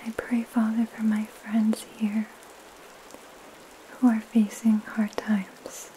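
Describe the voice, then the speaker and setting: A young woman giving a soothing, soft, breathy ASMR whisper, gentle and calming, with pauses between phrases. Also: a little high, a little hiss or hum, rough recording. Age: young adult. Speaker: ASMR host reading scripture and praying. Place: small indoor room at home. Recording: steady rain sound behind the voice. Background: rain.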